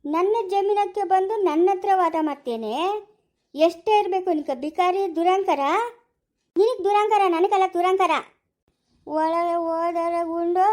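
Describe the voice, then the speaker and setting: A woman playing a sharp-tongued, quarrelsome middle-aged village mother in a family drama, scolding and hurling insults. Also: extremely high pitch.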